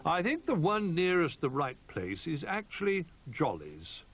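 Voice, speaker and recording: A man's voice: a little high, huge pitch swings, unhurried, creaky, husky, faint music behind, pitched above the performer's own voice, exaggerated voice. A man doing a kindly old teddy bear. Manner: gentle, encouraging.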